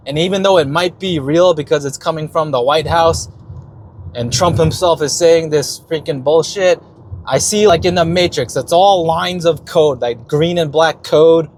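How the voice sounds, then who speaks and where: Brash, higher-voiced crypto-bro guy. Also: slight background noise. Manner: brash, slangy, profane crypto-bro talk. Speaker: retail investor and stock market video host. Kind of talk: casual unscripted market commentary.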